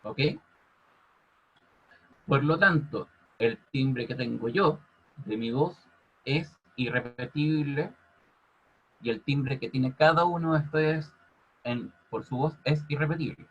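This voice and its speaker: A man teaching a physics class over a video call, constantly checking in with his students by asking if it's clear. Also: mid-range voice, slow, pauses often, fairly bright tone. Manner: checks in with "ok?" after nearly every phrase. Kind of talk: online class explanation. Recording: muffled lo-fi audio.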